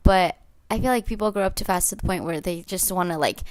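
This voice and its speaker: A woman's voice: on the low side, fast, darkish tone, no room sound. Teasing young woman co-host. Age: 20s. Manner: teasing, laughs often. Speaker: podcast co-host. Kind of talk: casual podcast chat.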